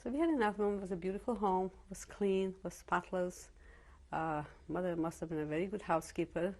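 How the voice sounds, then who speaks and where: Over poor audio, a woman in her seventies with a lowish, slightly mellow voice speaks briskly about her early life in Czechoslovakia as a Holocaust survivor. Her first language, Yiddish or Slovak, isn't English, and in this home oral history interview in Cleveland she's reflective, with many hesitations and restarts.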